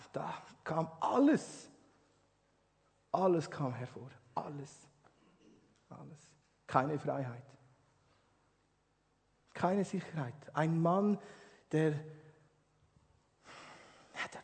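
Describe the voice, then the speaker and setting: A man preaching a sermon, swinging from hushed, quiet passages to loud, impassioned ones. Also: a little high, animated, takes it slowly, vocal fry, long pauses. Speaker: pastor. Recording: hall reverb.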